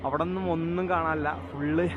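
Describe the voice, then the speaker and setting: High-voiced Malayali man vlogging, mixing in English. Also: fairly quick, muffled recording. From Kerala, India. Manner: Malayalam mixed with English slang words; excitable, repeats phrases. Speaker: travel vlogger. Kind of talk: casual vlog chat to viewers. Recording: noisy outdoor ambience with vehicle sounds. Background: outdoor ambience, vehicle noise.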